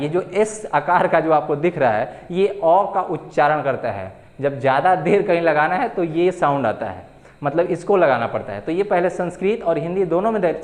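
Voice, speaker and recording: A man's voice: a little high, echoey room. A young adult man teaching an exam-prep grammar lesson, patiently repeating key terms and answering his own questions.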